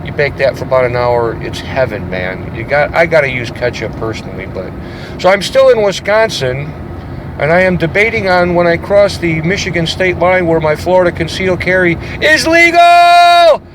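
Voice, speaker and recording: A man's voice: a little high, lively intonation, a little fast. A middle-aged man talking casually to the camera while driving, rambling from one joke and aside to the next. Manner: rambling, jokey, self-interrupting. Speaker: vlogger. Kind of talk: casual road-trip monologue. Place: inside a car on the road at night. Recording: car engine and road noise.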